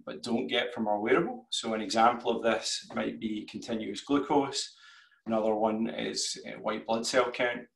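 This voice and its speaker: Scottish man, broad accent, gravelly edge. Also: mid-range voice, fairly bright tone. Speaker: startup CEO presenting. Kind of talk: business pitch presentation. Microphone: video call. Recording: roomy video-call sound.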